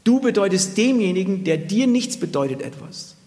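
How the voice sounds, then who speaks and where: A man delivers a sermon earnestly, circling back to repeat his key phrases. His voice sits high for a man. It rings out with a long reverb, as in a church hall. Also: sing-song, normal speed, darkish tone. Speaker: preacher.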